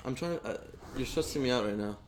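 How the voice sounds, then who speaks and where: A man's voice: mid-range voice, lively intonation, fast talker, a little hiss or hum. Stammering young male game streamer. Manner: stammers and repeats words, talks to chat while playing. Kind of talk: casual live-stream chat.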